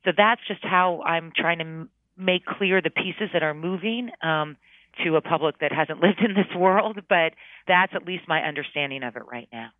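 A woman, a former counterterrorism official, explaining briskly in a radio interview. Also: fairly low pitch, no echo. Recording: tinny phone line.

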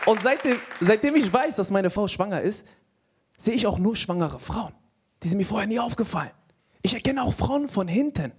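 Young guy doing stand-up, pretty high voice, crowd laughing faintly in the back. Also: animated, moderate pace, slightly rough. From Palestinian. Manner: casual slangy storytelling, acts out voices. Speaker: stand-up comedian. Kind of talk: stand-up comedy set. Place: stage before a live audience. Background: audience laughter.

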